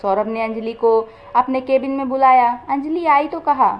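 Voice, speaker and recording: Woman storyteller with a high voice: steady, plain story narration, dull lo-fi sound. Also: moderate pace. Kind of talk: narrated moral story reading. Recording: dull lo-fi recording.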